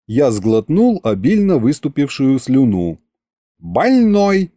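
A man narrating an audiobook in an expressive, storytelling manner. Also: mid-range voice, moderate pace, dry recording, clean studio sound.

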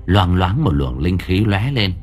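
A man narrating an audiobook story, with lively storytelling rises and falls. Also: low-pitched, measured pace. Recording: narration over faint background music.

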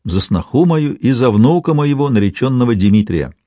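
A man's voice: mid-range voice, expressive, moderate pace, mellow, no echo, natural voice. Brief: stern, hot-tempered old grand prince, read by a man, archaic courtly speech, dry close-miked read. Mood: tender. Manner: archaic courtly speech, shifts from tender to furious. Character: aging grand prince, stern, quick to rage.

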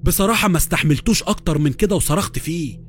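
Fast Egyptian man narrating horror. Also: on the high side. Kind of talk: first-person horror narration. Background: faint music.

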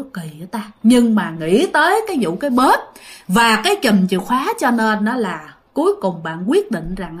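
A woman with a Southern Vietnamese accent narrating a ghost story in casual, conversational style. Her voice sits a little high and swoops expressively. She speaks straight to her listeners. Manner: animated, chatty, addresses listeners directly.

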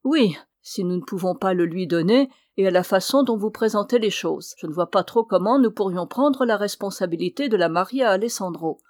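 A woman voicing a torn, impulsive young man who speaks in a louder, urgent, pleading way, in a dry recording. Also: mid-range voice, expressive, a little fast, few pauses, no room sound, close to an everyday voice.

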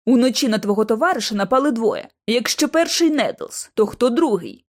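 A cool, commanding young man in charge of a small team, as a woman reading the story puts him on. He speaks slow and measured in a lowered voice that still rises and falls a lot. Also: animated, close to an everyday voice. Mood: eager. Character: cool, commanding young male agency leader. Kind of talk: audiobook character voice.

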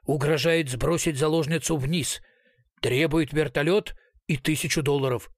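A man's voice: a little high, fairly even intonation, normal speed, no room sound, clean studio sound. A man voicing a stubborn male police captain who talks in terse, clipped phrases. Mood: curt.

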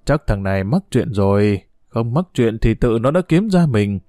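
A man's voice: lowish voice, big pitch swings, moderate pace, warm tone, no echo, clean studio sound, faint music behind. A man reading an audiobook voices an older village uncle who gives short, commanding orders. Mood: tense. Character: older village uncle, terse boat leader.

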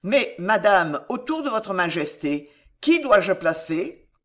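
A woman's voice: mid-range voice, sing-song, takes it slowly, fairly bright tone. A woman reading an audiobook, voicing a loyal male captain of the guard in an earnest, insistent way. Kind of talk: audiobook character voice.

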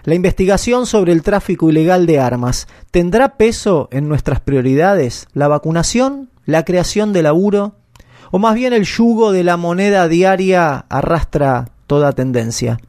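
A man's voice: high voice, lively intonation, unhurried, a little mellow, no room sound, clean studio sound. Man narrating a radio news feature. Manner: reflective, rhetorical questions. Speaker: radio reporter.

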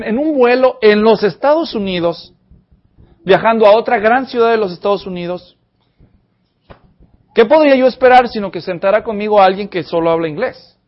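A man preaching an expository sermon, addressing the congregation directly with animated energy. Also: high voice, muffled recording. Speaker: pastor.

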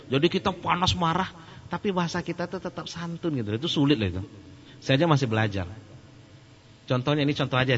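A man giving a casual question-and-answer sermon, joking and animated. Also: mid-range voice, in a large hall. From Sumatra. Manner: joking and animated, laughs at his own jokes. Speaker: Islamic preacher. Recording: muffled lo-fi recording with faint hum.

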